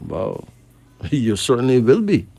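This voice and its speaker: A man's voice: medium pitch, wildly swooping pitch, measured pace, gravelly, mellow, no echo, faint music behind. A man from Barbados, chatting and reading cards, emphatic with rising questions. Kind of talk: casual chat and card reading.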